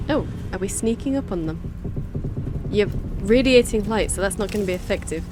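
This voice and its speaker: A woman's voice: medium pitch, expressive, moderate pace, noisy background. A woman hosting a let's play, chatty and reactive, commenting casually and reading game dialogue aloud. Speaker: gamer, let's play host. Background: game music.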